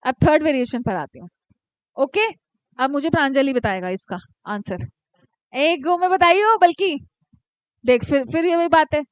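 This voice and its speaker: High-voiced teacher, dry close sound. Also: female voice, lively intonation, dry recording. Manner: scolds and teases students by name, dictates slowly. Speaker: commerce teacher. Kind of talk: live classroom lecture.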